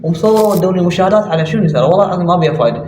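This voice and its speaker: Fast-talking Iraqi man, mocking rant. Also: high-pitched, lively intonation, noisy background. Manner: mocking, sarcastic, rapid-fire ranting. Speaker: commentary YouTuber. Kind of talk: reaction commentary. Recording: roomy, distant mic, music behind.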